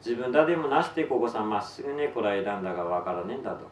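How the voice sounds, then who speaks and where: A man reading his own fiction aloud in Tsugaru dialect to an audience, in an unhurried, measured storytelling manner. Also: on the low side, expressive, a little hiss or hum. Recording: roomy, distant mic, faint ambience.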